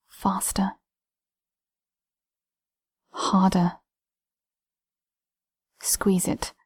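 A woman whispering throughout in an intimate audio roleplay, giving slow, commanding instructions. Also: medium pitch, vocal fry, darkish tone, husky.

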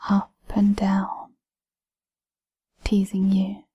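Woman whispering really slow, breathy and low-key, bossy soft instructions. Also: completely flat delivery. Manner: whispering throughout, giving slow commanding instructions. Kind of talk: whispered intimate audio roleplay.

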